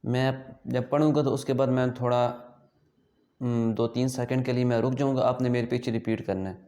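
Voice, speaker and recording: A man with a Pakistani Urdu accent gives an online Quran lesson in a dark, mellow voice. He explains each letter patiently, then recites in slow, drawn-out phrases for students to repeat. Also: medium pitch, steady tone, echoey room. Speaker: Quran teacher.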